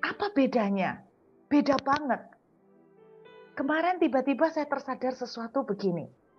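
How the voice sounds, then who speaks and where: A woman preacher, giving an earnest sermon and drawing out key words slowly for emphasis. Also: sits high, lively intonation, lo-fi sound, faint music behind.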